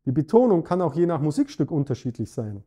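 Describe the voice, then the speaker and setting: A man with a German accent, a saxophone teacher giving a scripted lesson in a clear, measured way that speaks straight to the viewer. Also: on the high side, big pitch swings, mellow. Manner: clear, measured explaining addressing the viewer directly. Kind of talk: scripted instructional talk.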